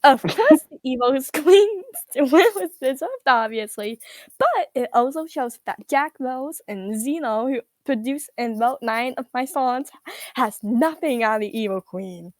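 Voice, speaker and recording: A woman voicing a vain, boastful evil queen diva, her voice run through a voice changer that shifts its pitch, speaking haughtily and laughing at herself mid-sentence. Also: lively intonation, a little slow, dry recording, clean studio sound. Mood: haughty. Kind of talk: comedic character roleplay.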